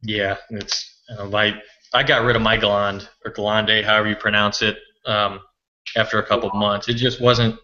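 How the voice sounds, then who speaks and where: A man's voice: on the low side, level tone, moderate pace, pushed and bright, highs cut off. A man chatting as a podcast guest, hesitant and trailing off with "I don't know". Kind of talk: casual chat.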